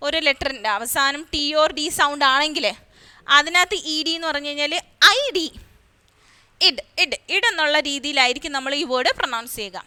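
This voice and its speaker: A woman's voice: high-pitched, a little fast, bright, forceful tone. A woman teacher with a Malayali accent, explaining a lesson step by step for children, repeating key words and asking questions. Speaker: school English teacher.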